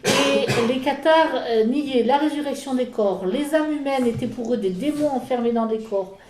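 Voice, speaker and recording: A woman explaining medieval history in a casual talk, halting with many fillers and restarts. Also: high-pitched, reverberant, over music, poor audio. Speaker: speaker on a church history talk. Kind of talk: informal history lecture in conversation.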